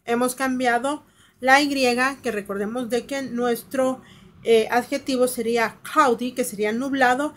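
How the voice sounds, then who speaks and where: A woman teacher explaining English grammar rules in Spanish, reading example sentences slowly and translating them, with fillers and self-corrections. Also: fairly high pitch, fairly even intonation, fairly bright tone. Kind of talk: recorded grammar lesson.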